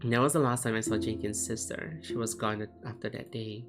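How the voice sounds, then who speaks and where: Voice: mid-range voice, steady tone, fairly quick. A game streamer reading a story aloud. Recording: music behind the voice.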